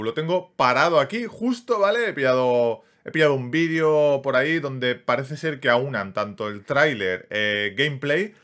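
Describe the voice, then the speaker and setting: An excitable man with a Spain Spanish accent talks his viewers through a game trailer as a gaming YouTuber. His casual reaction commentary sits at a middle pitch and keeps checking in with quick tag questions. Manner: excitable, peppers speech with quick tags.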